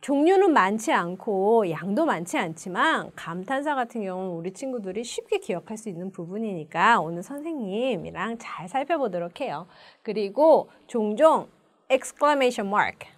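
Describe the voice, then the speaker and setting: Lively woman teacher acting out exclamations. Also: mid-range voice. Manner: animated, acts out exclamations for kids. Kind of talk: children's English lesson.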